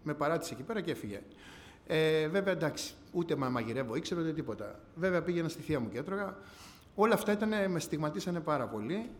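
A man giving a personal testimony to a church gathering, telling his story earnestly, often rising and falling in pitch and loudness. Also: lively intonation. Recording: long hall reverb, faint background noise.

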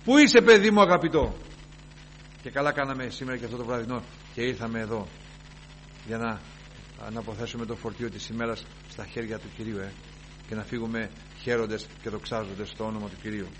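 A man preaching a fervent evangelical sermon, rising to loud exclamations of hallelujah and dropping to quiet, reflective passages. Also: lowish voice, level tone, background noise.

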